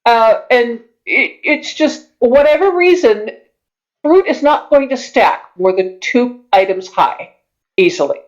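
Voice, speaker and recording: A woman with a high voice runs a tabletop game, describing scenes as she makes them up. Her delivery is halting and descriptive, and the audio is a little dull. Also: expressive. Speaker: game master. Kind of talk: improvised tabletop game narration.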